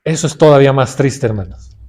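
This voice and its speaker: A man's voice: mid-range voice, expressive, fairly quick, a little mellow. A middle-aged man with a Mexican Spanish accent preaching a sermon, often calling his listeners brothers and putting questions to them.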